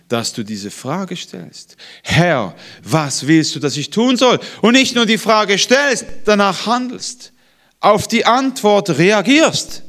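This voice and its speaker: A man preaching a sermon, swinging from loud emphatic lines to hushed, low passages.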